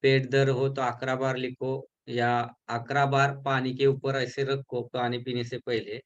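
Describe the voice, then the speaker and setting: A man giving a recorded lesson for a healing course, explaining slowly and repeating syllables to show how they are spoken. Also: mid-range voice, monotone, dull audio. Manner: mixes English terms into his explanations.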